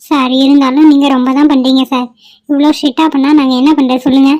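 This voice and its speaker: A woman's voice: high-pitched, flat delivery, fast talker, a little mellow, no room sound, natural voice. A woman voicing a complaining young office worker. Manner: complaining, questioning. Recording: dull lo-fi dry recording.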